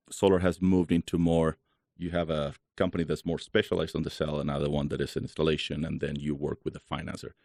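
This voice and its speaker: A man from Chile speaks in a very deep, gravelly voice, relaxed and chatty, with lots of "uh" fillers as he talks. He is recorded close on a dry mic with no room sound. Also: dry recording. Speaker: guest, solar company founder. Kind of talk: casual interview talk.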